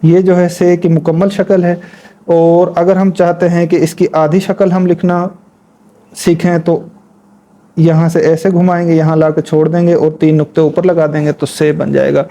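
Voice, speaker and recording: A man's voice: a little high, level tone, dark tone. Patient man teaching letters. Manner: patient, spells out letters slowly and repeats words; talks while demonstrating at a board. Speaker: Urdu writing teacher. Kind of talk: instructional lesson.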